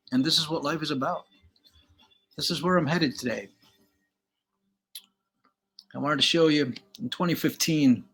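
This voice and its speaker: A man's voice: on the high side, fairly bright tone, breathy edge. An older man from Galicia, Spain, hosting a casual, rambling slideshow commentary, opinionated and laid-back. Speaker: channel host.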